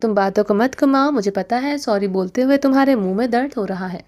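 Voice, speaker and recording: Proud, sulky young husband in a romance audiobook, a woman lowering her voice for him, mock-grumbling and teasing. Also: darkish tone, natural voice.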